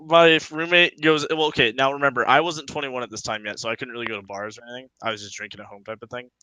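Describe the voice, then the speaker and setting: A young man in his twenties, a podcast co-host, telling a story in casual chat, animated and swearing as he acts out quotes. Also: medium pitch, racing, smooth, no room sound, poor audio.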